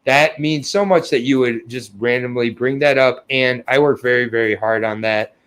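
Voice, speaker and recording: A man's voice: medium pitch, moderate pace, a bit bright, clear, resonant tone. A young adult man co-hosting a podcast, talking casually with profanity and getting flustered. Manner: profane, self-deprecating, flustered. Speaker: podcast co-host. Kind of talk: casual chat.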